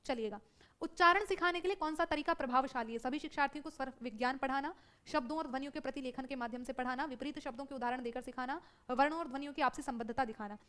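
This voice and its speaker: High-pitched lady teacher talking fast, live online prep class, corrects herself a lot and keeps asking the class. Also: fairly bright tone, smooth. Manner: brisk, self-correcting, often asks the class and checks in with "ठीक है".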